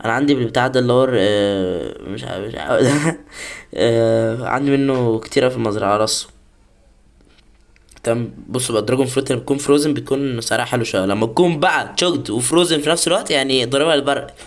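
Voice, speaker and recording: A young man with an Egyptian Arabic accent gives casual gameplay commentary. He chats away to himself and to his viewers while he plays, his voice at a middle pitch. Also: rapid-fire. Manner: chatty, talks to himself and viewers while playing. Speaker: gaming YouTuber.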